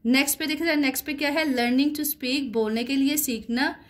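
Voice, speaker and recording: A woman working as an online teacher who explains a children's English lesson, reading the English lines slowly and deliberately, then explaining them, with frequent rising "right?" checks. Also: high voice, fairly even intonation.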